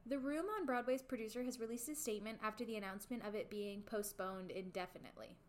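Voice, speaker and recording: A woman's voice: medium pitch, fast. A woman co-hosting an entertainment news podcast, switching between reading promotional copy and casual reactions. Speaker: podcast co-host.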